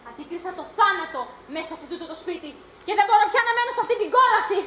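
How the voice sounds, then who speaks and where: A woman's voice: very high voice, expressive, bright, forceful tone, slight background noise, heavily acted. A woman on stage playing a defiant, passionate youngest sister, declaiming fiercely, recorded live and echoey. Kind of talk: amateur stage acting.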